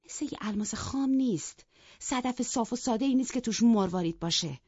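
A woman's voice: on the high side, animated, a little mellow, breathy edge, no echo, voice pushed up. Catherine, a woman voicing a proud scornful young woman. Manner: cutting and mocking. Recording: dull, dry lo-fi recording.

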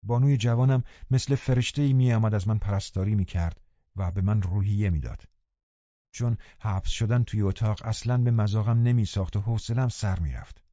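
A man narrating a novel in a calm, measured way, his voice dark and mellow. The sound is dry and close, slightly dull and muffled. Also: fairly low pitch, no echo. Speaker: audiobook narrator. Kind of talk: scripted narration.

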